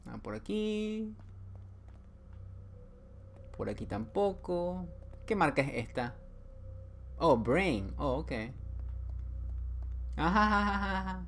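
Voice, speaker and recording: A man's voice: a little high, big pitch swings, takes it slowly, vocal fry, long pauses, a little hiss or hum. A man commenting his way through a horror video game, joking, talking back to the game and letting out sudden yelps. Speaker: gameplay streamer. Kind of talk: playthrough commentary.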